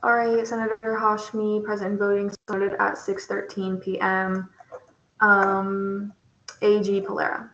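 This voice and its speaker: A young woman runs a meeting in a brisk, procedural way, calling on each speaker in a flat, even tone. The audio is roomy and dull, like a call recorded over a laptop. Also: mid-range voice. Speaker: meeting chair.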